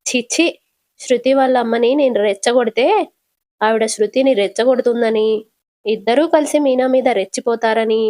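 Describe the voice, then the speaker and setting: A woman voicing a scheming, sharp-tongued middle-aged mother-in-law in a retold family serial, shrill and indignant. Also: dry recording, lightly acted. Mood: plotting.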